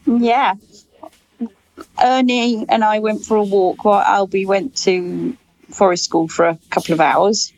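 A woman's voice: mid-range voice, steady tone, measured pace, vocal fry, a little hiss or hum, poor audio. A middle-aged mother, chatting casually with her son, laughing often and telling jokes. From United Kingdom. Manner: warm-hearted, laughs often, jokey. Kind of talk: casual chat.

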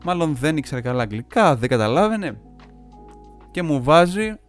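A young man in casual chat, telling an anecdote in an animated way and acting out what people said. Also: a little high, soft background music. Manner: animated storytelling, acts out quoted lines.

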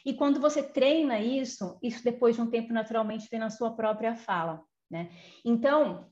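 A woman's voice: a little high, moderate pace, darkish tone. Woman explaining, lots of fillers. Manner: explanatory, frequent fillers and tag questions. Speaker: communication guidance speaker. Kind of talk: informal lecture. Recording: slightly muffled lo-fi audio.

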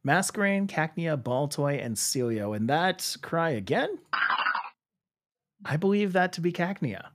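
A man's voice: fairly high pitch, animated, a little slow, heavy background noise. A young man playing a guessing quiz and chatting casually, hesitant and playful, sometimes imitating sounds. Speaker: quiz player. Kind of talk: casual chat.

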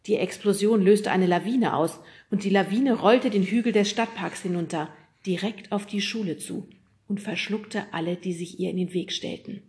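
A woman narrating a children's audiobook in a lively storytelling manner. Her pitch sits in the middle for a woman. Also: normal speed. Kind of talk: scripted narration.

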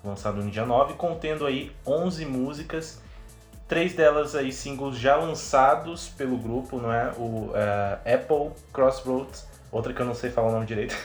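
A man's voice: medium pitch, normal speed. Casual male host in a roomy recording. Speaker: show host. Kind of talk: casual chatty hosting. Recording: roomy sound with music behind.

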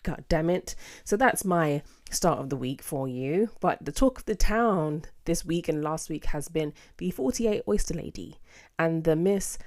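A British woman hosting a casual solo podcast, with a sassy, theatrical, slangy and expressive way of talking. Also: low voice, unhurried. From United Kingdom. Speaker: podcast host.

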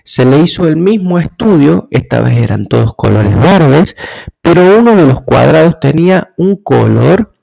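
A man giving an explanatory talk in a measured way, often checking in with the listener through rhetorical questions. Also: on the high side, animated, creaky, warm tone, rough recording.

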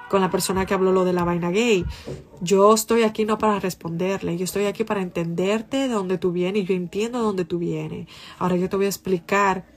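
A woman hosting a casual livestream, speaking passionately and emphatically while addressing her viewers directly and answering their comments. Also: fairly low pitch. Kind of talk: casual live chat.

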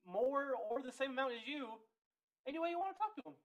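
A man's voice: very high voice, lively intonation, fast talker, lo-fi sound. A young man co-hosting a sports podcast, talking bluntly with slang and casual swearing. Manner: blunt, slangy, cursing freely. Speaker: podcast co-host.

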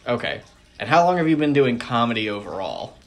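A young man in his twenties hosts a podcast with easy, casual chat. He tells stories with animation, his pitch leaping and falling, and he breaks into loud acted quotes. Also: big pitch swings, a little fast. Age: 20s. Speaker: podcast host.

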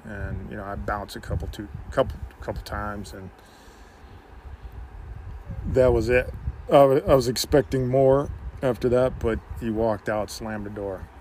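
Slow, halting man telling a story. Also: lowish voice, darkish tone, slight background noise, low-quality recording. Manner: halting, heavy with "you know" fillers. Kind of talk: personal storytelling.

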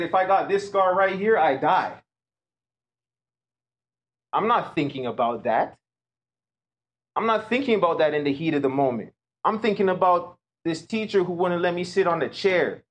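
Guy speaking to a room of high school kids, slightly high voice, punchy storytelling. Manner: storytelling, emphatic, acts out quoted voices. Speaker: motivational speaker. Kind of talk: keynote speech to students.

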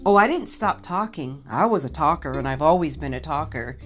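A woman's voice: low voice, expressive, a little fast, soft background music. A middle-aged woman hosting a podcast, telling a personal story in an earnest, candid and reflective way. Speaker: podcast host.

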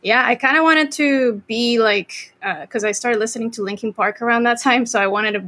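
Her voice on the high side and her pace a little fast, the young Costa Rican guest drummer rambles easily through an interview chat. She keeps stopping and restarting, with lots of ums along the way.

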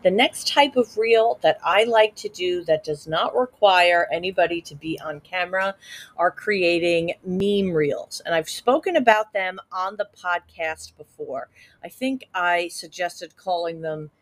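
A woman's voice: on the low side, measured pace. A woman hosting a podcast on her own, giving social media tips in a chatty, upbeat way and laughing at her own jokes. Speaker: podcast host. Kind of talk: casual solo podcast tips.

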